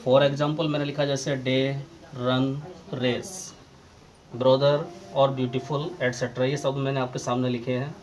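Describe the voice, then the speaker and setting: A man with an Indian accent teaching English grammar as a lesson, slowly dictating definitions word by word. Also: medium pitch, level tone, poor audio. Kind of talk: classroom lesson explaining grammar.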